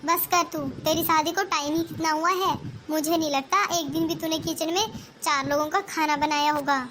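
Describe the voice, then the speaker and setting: A woman voicing an older, sharp-tongued but fair mother-in-law in a cartoon, scolding and lecturing. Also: sits high, steady tone, normal speed, slight background noise. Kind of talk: cartoon voice acting.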